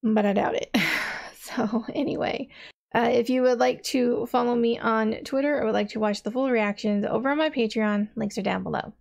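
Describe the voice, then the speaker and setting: In a small, dim room, a woman in her thirties hosts a reaction video, thinking out loud in a casual, rambling way loaded with fillers. Her voice is on the high side, creaky and a little mellow, at a moderate pace.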